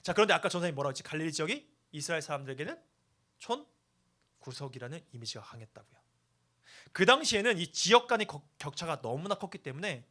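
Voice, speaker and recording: A man's voice: a little high, bright, forceful tone. A young man from Chungcheong, a youth pastor giving a playful sermon to teenagers, joking and acting out dialect quotes. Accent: Seoul Korean, with Chungcheong traces. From Chungcheong, Korea.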